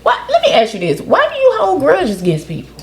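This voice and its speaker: A woman co-hosting a casual podcast chat, animated and questioning, speaking. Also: high voice, brisk, gravelly. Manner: animated, questioning, often quotes others in a raised voice. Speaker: podcast co-host.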